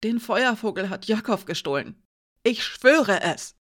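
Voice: mid-range voice, lively intonation, normal speed, pitched above the performer's own voice, close to an everyday voice. An audiobook reader voicing a nervous male servant who stammers and rambles as he pleads. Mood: frightened. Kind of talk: audiobook character voice.

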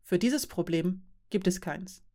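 A woman voicing a patient, weary fairy who explains things in a calm, measured way. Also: fairly low pitch. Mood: resigned.

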